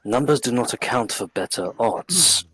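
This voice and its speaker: A man voicing a calm foreign male stranger in a tabletop game, measured, formal and cold. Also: medium pitch, husky, dry recording, poor audio. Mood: cool.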